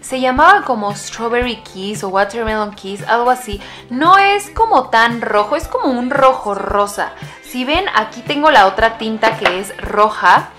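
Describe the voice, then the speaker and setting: A young woman in her twenties talks casually to camera as a beauty vlogger, her voice sitting fairly high. She gushes and rambles with plenty of fillers and restarts. Soft music plays faintly beneath her. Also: lively intonation, measured pace, few pauses. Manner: chatty, gushing, lots of fillers and restarts. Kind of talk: casual makeup chat to camera.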